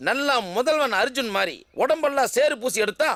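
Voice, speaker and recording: A bossy, scheming comic sidekick with a high, bright, tense tone and a rapid delivery. He nags and scolds without letup. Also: dry recording, clean studio sound.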